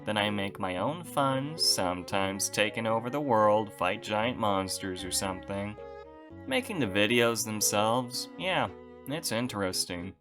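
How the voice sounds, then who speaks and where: A man's voice: on the low side, lively intonation, a little slow, over music. A young man giving a casual channel update to his viewers, wry and self-deprecating, with dry understatement.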